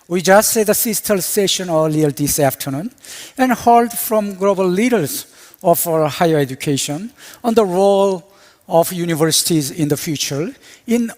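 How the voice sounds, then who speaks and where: A man, a university president, giving a measured, ceremonial welcoming speech on a symposium stage. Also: high-pitched. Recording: long reverb of a hall.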